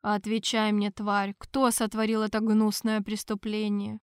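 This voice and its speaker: A woman's voice: mid-range voice, completely flat delivery, a little slow, clear, resonant tone, no room sound, studio quality, natural voice. Woman doing a stern male inquisitor, cold, clipped, audiobook.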